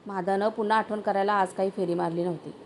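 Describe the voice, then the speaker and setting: A woman narrating a short story aloud in a steady storytelling manner. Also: mid-range voice, fast talker, slight background noise.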